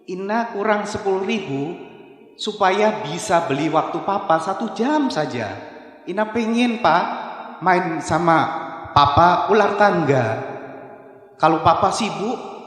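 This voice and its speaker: A pleading, earnest eight-year-old girl, as a male speaker puts her on in the middle of a story. The voice sits a little high. It rings through a big hall with a long reverb tail. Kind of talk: storytelling in a speech.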